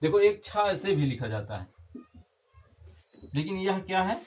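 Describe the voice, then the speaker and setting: A man's voice: high voice, sing-song, a little slow, a little mellow. A young man teaching a Hindi grammar lesson, repeating key terms and checking in with his class.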